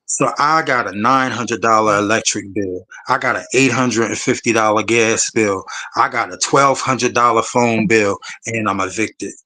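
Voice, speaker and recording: A man's voice: on the low side, normal speed, few pauses, pushed and bright. A man tells his own story to a panel. He talks emphatically and bluntly, with a lot of swearing, like a conversation between friends.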